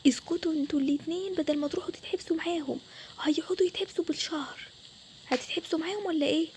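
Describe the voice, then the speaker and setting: A young woman plays a strict Egyptian mother in a toy-game story, loud and threatening as she scolds her kids. The voice sits very high and races along at a rapid clip. Faint noise hums underneath. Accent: Egyptian Arabic. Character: strict yelling mother, short-tempered and threatening.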